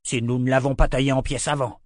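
A man voicing a gruff soldier officer. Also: mid-range voice, little pitch movement, quick pace, dry recording, studio quality, close to an everyday voice. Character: hard-bitten male army officer.

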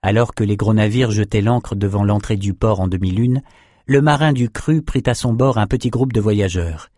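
A man reading an adventure story aloud in a measured storytelling voice. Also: fairly low pitch, darkish tone, dry recording, studio quality. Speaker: audiobook narrator. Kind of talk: scripted narration.

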